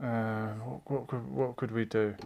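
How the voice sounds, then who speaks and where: A man hosts a relaxed live stream, chatting casually as he reads out viewer comments. He meanders from thought to thought and pauses often as he searches for words. His voice sits at an ordinary middle pitch. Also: creaky. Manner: meandering and chatty, with frequent hesitations.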